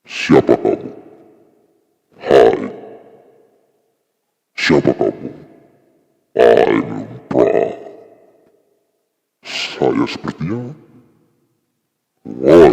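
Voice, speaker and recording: A man speaking through a voice changer that turns his voice into a deep monster voice while demonstrating a sound card. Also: lively intonation, creaky, mellow, heavily acted. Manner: slow, halting, talks to his audience. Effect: voice changer pitched far down into a deep monster voice. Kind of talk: casual product demo. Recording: dull lo-fi with long reverb.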